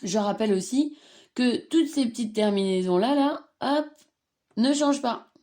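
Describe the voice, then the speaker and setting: A woman's voice: on the high side, expressive, moderate pace, mellow. A woman teaching a slide-based grammar lesson, patiently repeating and stressing each conjugated form. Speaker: Spanish teacher.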